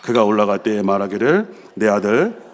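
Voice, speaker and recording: Very animated, on the low side, and at a moderate pace, a middle-aged senior pastor delivers his sermon. After reading scripture aloud, he expounds through personal stories, frequently questioning the congregation and affirming with "yes."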